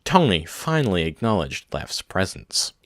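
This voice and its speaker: A man narrating a science-fiction audiobook in a steady, measured way. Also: low voice, no echo, clean studio sound.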